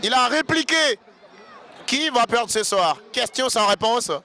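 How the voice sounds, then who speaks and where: A man's voice: very high voice, expressive, measured pace, a faint crowd. A man with a Congolese accent commentates wrestling live, exclaiming and repeating key phrases. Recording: loud music behind the commentary.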